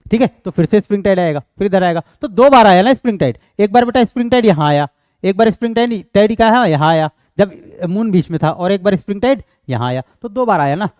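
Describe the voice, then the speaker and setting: In a studio-quality recording with no echo, a man with an Indian accent speaks in a high, animated, slightly mellow voice. He's a teacher running an exam-prep lecture, going step by step, posing and answering his own questions, and reading English question text slowly.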